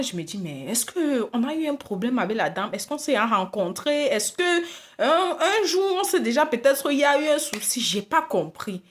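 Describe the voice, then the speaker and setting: A woman vlogger telling a story in a casual, indignant rant, full of restarts and repetition. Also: medium pitch. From Africa.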